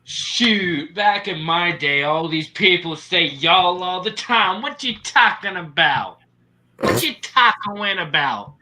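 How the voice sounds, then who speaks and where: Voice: medium pitch, animated, takes it slowly, sharp tone, heavily acted. A guest putting on a grumpy old-timer. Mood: scolding.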